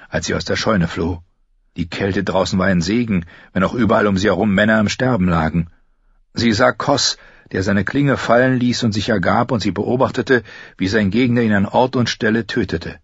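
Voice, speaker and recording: Male audiobook narrator, fantasy novel, husky low voice, steady telling, dull dry lo-fi recording. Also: no echo. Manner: steady storytelling, raises his voice high for the characters' lines.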